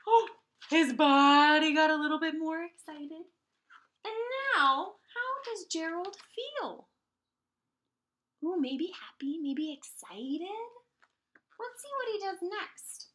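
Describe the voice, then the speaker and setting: In a high-pitched voice, a preschool teacher reads a picture book to young children with expressive warmth and encouragement. She pauses often to keep things simple, explaining ideas and asking the kids questions.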